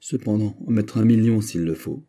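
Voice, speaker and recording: A man's voice: brisk, mellow, natural voice. A man voicing a grave, commanding nobleman. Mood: urgent, grave. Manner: low, urgent, ominous delivery. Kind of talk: audiobook character reading.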